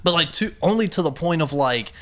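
A man chatting casually and telling stories in a rambling, animated way with plenty of swearing. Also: a little high, a little fast. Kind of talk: casual chat, storytelling.

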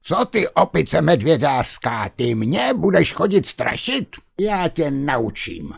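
A gruff, hot-tempered village mayor scolds and blusters, his voice pushed up high and loud, as a storybook narrator puts him on. He is a stern middle-aged father who loses patience fast. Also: sing-song, heavily acted. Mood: angry.

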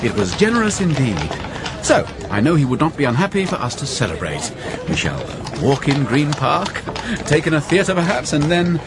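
A relieved young husband in a radio drama, cheerful and lively. His voice sits a little high and moves a lot. Loud street sounds surround him. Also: moderate pace, very noisy.

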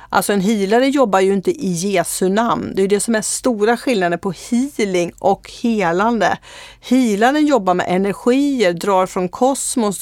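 A woman's voice: medium pitch, darkish tone, dry recording. Earnest Swedish-speaking woman, dry sound. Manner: earnest storytelling with frequent fillers. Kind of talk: casual testimony in conversation.

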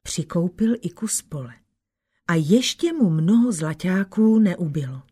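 A woman's voice: lowish voice, lively intonation, warm tone, husky. Woman reading an old folk tale aloud. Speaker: storyteller.

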